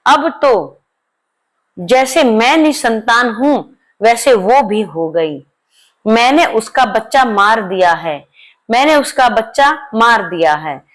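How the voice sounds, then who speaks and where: A woman's voice: fairly high pitch, lively intonation, slow. A woman doing a jealous elder sister-in-law. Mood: gloating. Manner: gloating, then pleading.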